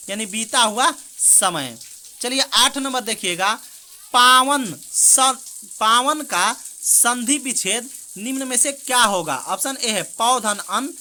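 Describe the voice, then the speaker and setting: A woman teaching exam prep, reading out multiple-choice questions and answers quickly and often saying "theek hai doston", with rain behind her. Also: on the high side, sharp tone. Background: rain heard in the background.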